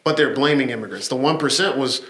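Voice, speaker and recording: Co-host, man, measured and explanatory, mid-pitched, echoey room. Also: fairly bright tone. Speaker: podcast co-host. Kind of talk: casual discussion.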